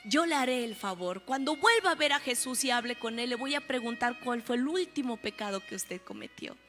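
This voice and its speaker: A woman's voice: on the high side, animated, fairly quick, fairly bright tone, faint music behind. A woman voicing an eager, polite little boy in a sermon story. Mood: earnest. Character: eager little boy who talks to Jesus.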